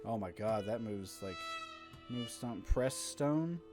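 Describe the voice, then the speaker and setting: A man's voice: fairly low pitch, lively intonation, slow. A man giving casual let's-play commentary, swearing freely and reading game text aloud. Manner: swears a lot, reads dialogue aloud. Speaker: gamer. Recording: game music behind.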